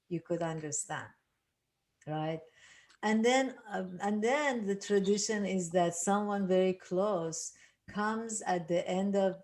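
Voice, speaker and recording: An older woman from Iran leading a grief workshop, speaking earnestly with many restarts and rhetorical asides. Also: fairly low pitch. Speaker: workshop facilitator. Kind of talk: reflective teaching talk.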